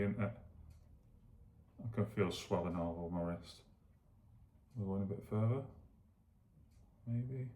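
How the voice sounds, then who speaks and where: A man with a gravelly voice chatting casually as a vlogger, thinking aloud in a self-deprecating, rambling way while demonstrating exercises. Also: low voice, darkish tone. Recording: echoey room.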